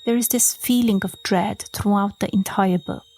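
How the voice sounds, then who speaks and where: Soft-spoken woman with a gravelly edge. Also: mid-range voice, steady tone, normal speed. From Romania. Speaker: podcast host. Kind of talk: reflective book-talk podcast monologue.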